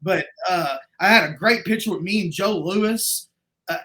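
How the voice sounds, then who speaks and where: A middle-aged man talking as a guest in a casual conversation, telling stories in a rambling, animated way. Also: high voice, moderate pace. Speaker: guest martial arts instructor.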